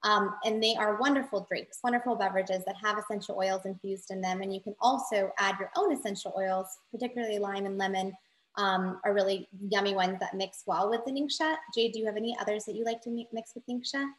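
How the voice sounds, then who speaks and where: A woman's voice: mid-range voice, fairly even intonation, a little fast. A woman co-hosting an online class over a video call, talking in a bubbly, casual way. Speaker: co-host. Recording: roomy video call sound.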